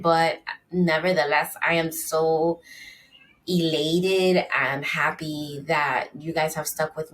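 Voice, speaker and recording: A woman's voice: lowish voice, a bit bright, recorded from a distance, rough recording. A middle-aged woman hosting her solo podcast in an upbeat, chatty way, with plenty of ums and uhs. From Dominican Republic. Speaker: podcast host. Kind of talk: casual solo podcast monologue.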